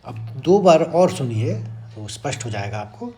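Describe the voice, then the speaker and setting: A man teaching a sacred Sanskrit verse, explaining it slowly and deliberately and chanting the lines again and again. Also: mid-range voice, big pitch swings, warm tone. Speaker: Gita teacher. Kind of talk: devotional verse lesson.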